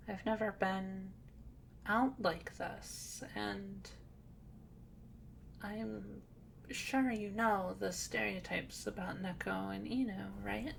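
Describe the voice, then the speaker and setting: A woman's voice: medium pitch, fairly even intonation, slow, vocal fry, a little hiss or hum. A woman voicing a shy, nervous cat-eared girl in an ASMR role-play, hesitant and stammering. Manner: hesitant, stammering, soft-spoken.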